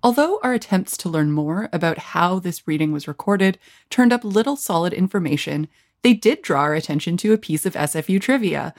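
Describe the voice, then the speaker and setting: Woman, lowish pitch, podcast narrator, scripted, academic style. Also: darkish tone.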